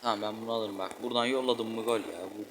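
A man with a fairly low voice gives loose, slangy commentary while playing a football video game. He grumbles and exclaims at the match as it goes. Clear background noise sits behind him. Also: steady tone, fast talker, poor audio. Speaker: gaming channel host. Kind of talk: casual gameplay commentary. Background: children shouting outside.

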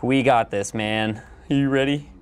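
A man's voice: medium pitch, fairly even intonation, a little slow, crowd noise. A man talking casually to his teammates while playing a video game. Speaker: gaming teammate. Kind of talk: casual gaming chat. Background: music.

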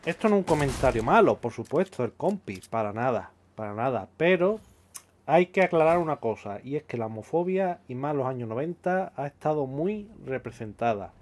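A man's voice: mid-range voice, animated, normal speed, darkish tone. A man hosting a casual commentary video, talking emphatically and throwing out rhetorical questions. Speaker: youtuber host.

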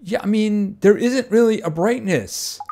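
A man's voice: high voice, measured pace, dark tone, a little hiss or hum. A man streaming a farming game, chatting casually and making wry asides. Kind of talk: casual gameplay commentary. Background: game music.

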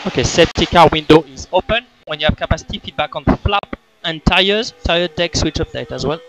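On noisy motorsport team radio, a man with a fairly high, somewhat bright voice talks a little fast. He's a race engineer, issuing short, clipped instructions again and again.

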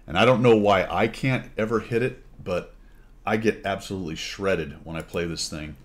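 A man's voice: deep voice, moderate pace. A man casually commenting over his own gameplay footage, chatty and wry, breaking into exclamations and laughs at good plays. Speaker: gaming channel host.

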